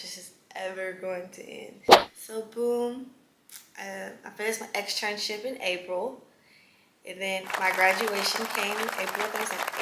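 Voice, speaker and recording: A young woman in her late teens telling her story in a casual, chatty vlog, animated and prone to whispered asides. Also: on the high side, very noisy. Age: young adult. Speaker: vlogger. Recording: echoey room with faint ambience.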